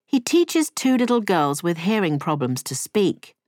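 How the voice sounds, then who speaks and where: A woman narrating a cartoon story in a scripted, clear storybook manner. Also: lowish voice, big pitch swings, unhurried, darkish tone, no room sound, studio quality.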